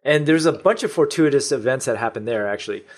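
A man's voice: mid-range voice, animated, quick pace. A middle-aged man from the United States, a podcast guest telling his business story in a matter-of-fact way. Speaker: podcast guest, online store owner. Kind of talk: conversational interview.

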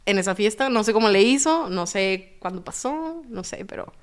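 A woman with a Mexican accent, a podcast guest telling her own story in a lively way and acting out the dialogue. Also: mid-range voice, normal speed. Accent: Mexican Spanish. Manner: animated, acts out quoted dialogue.

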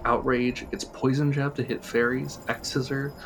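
A man with a gravelly, fry-edged voice talks through game strategy in a relaxed podcast chat. He explains at length and chuckles along the way. A faint hiss sits under the recording. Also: mid-range voice, moderate pace. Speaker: podcast co-host. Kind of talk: casual chat.

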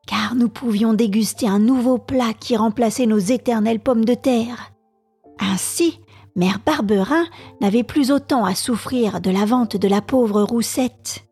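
A woman narrating a classic novel slowly and deliberately as a storytelling podcast host. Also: fairly high pitch, husky. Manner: slow, soft and deliberate.

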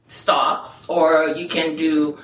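A woman guest explaining investing in a brisk, casual way, often checking in with "right?". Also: low voice, little pitch movement, fairly bright tone, echoey room, far from the mic.

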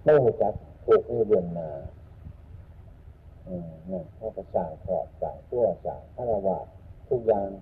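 A man with an Isan accent giving an unhurried Buddhist dharma talk as a monk, repeating his points and humming between phrases. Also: sits low, very animated, vocal fry. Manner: unhurried, repetitive teaching with frequent hums. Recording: tinny phone-like lo-fi sound with faint noise.

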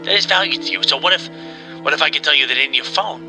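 A man playing a brash, boisterous ad executive who crashes a video call and rambles through a sales pitch in improvised comedy. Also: fast, over music, close to an everyday voice. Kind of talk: improvised comedy role-play.

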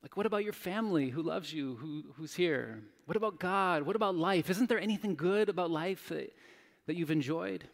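A man delivers a sermon in a candid, self-deprecating storytelling manner. His voice sits slightly high with a gravelly edge. The sound carries a long reverb, as if captured in a large hall. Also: lively intonation, normal speed. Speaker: pastor.

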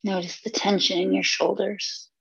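A woman leading a guided meditation in a soft, husky voice, soothing and unhurried, with pauses between phrases. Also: medium pitch, level tone, no echo, dull audio.

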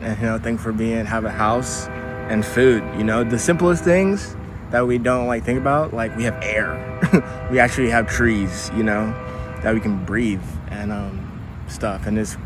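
A man from the United States hosting his podcast as a phone video, recorded outdoors on wireless earbuds. He talks in a casual, upbeat and encouraging way, rambling with many fillers. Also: lowish voice. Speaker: podcast host. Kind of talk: casual motivational vlog talk. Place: outdoors near traffic and a train line. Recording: phone video outdoors with clear traffic noise. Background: street and car noise.

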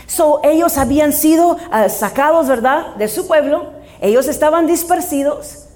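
High-voiced woman preaching a sermon. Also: animated, normal speed, a little mellow. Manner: switches between Spanish and English mid-sentence, frequent "¿verdad?"; emphatic, raises voice on scripture calls. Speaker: pastor.

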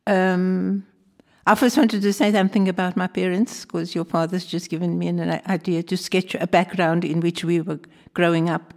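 A retired older woman with a South African accent talks in a low, gravelly voice. She tells her family story in a composed, measured way during an interview. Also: level tone, darkish tone. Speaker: guest.

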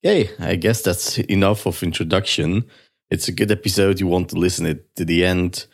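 A man's voice: low voice, steady tone, normal speed, husky. A man hosting a podcast in an upbeat, curious and informal manner, introducing and interviewing. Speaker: podcast host.

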